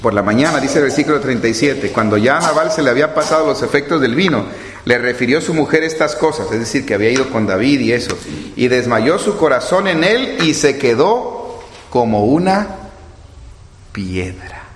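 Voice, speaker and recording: A man's voice: medium pitch, animated, normal speed, slight background noise. A man preaching a sermon, retelling scripture and acting out the quotes with drama. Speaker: pastor. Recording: echoey hall with long reverb.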